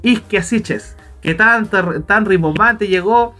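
Man, podcast host, high voice, steady and reflective. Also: soft background music. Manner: measured, recalls events, polls the others. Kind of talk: casual political chat.

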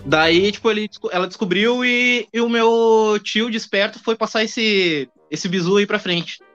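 A man, telling a childhood anecdote in a casual podcast chat, in a chatty, halting way. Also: sits high, a bit bright. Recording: dull recording with faint music.

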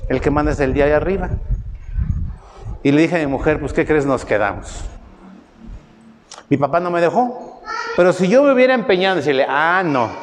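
Mexican male preacher, middle-aged, slightly high voice, folksy sermon with long hall echo. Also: slight background noise. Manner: folksy storytelling, voices quotes with rising pitch, tag questions. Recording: roomy hall with faint ambience.

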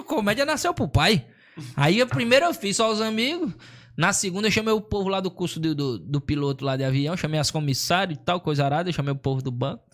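A man, a comedian, telling a long story in casual chat, slangy and animated, acting out what people said. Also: on the high side. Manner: slangy, animated, acts out quotes.

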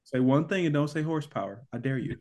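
A young man co-hosting a casual podcast, mocking people in exaggerated imitations that leap up in pitch and volume. His voice sits fairly high for a man. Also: quick pace. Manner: mocking mimicry, jumps high and loud in quoted bits. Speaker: podcast co-host. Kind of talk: casual chat.

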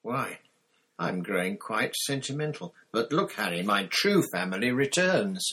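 A man voicing a cruel, snake-like male dark wizard in an audiobook, speaking with soft, hissing menace and sudden rises. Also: on the low side, sing-song, unhurried, slightly rough, voice pushed up, heavily acted. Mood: gloating. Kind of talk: audiobook character voice.

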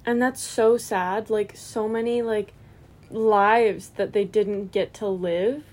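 A woman joins a casual podcast chat with short interjections. Her reactions are sympathetic, and her voice sits at a plain middle pitch. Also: steady tone, slow, darkish tone.

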